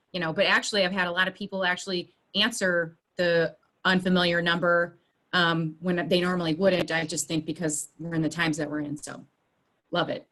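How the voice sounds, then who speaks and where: Heard via video call, a fairly low-pitched woman with a bright, forceful tone makes casual meeting conversation. She's a school social worker, and her talk wanders with frequent restarts.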